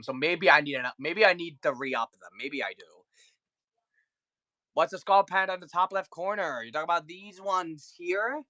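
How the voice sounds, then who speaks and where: A man with a bright, forceful voice and a slightly high pitch runs a live toy sale, chatting with viewers. He is sick with the flu and his voice sounds it. The sound is dry and close. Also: no echo. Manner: chatty, greets viewers, counts down sales. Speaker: livestream toy seller. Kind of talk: casual live-selling chat.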